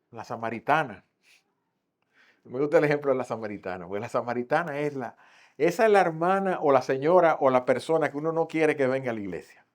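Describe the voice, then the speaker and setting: A male pastor with a Dominican accent, preaching a Sunday school sermon and acting out the voices he quotes, swinging from loud to hushed. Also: medium pitch. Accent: Dominican Spanish. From Dominican Republic.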